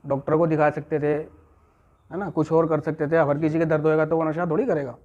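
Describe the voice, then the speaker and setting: A man's voice: fairly high pitch, little pitch movement, brisk, darkish tone. A man leading an addiction recovery class, telling a story as a lecture, repeating key phrases and checking in with his listeners. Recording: muffled lo-fi recording.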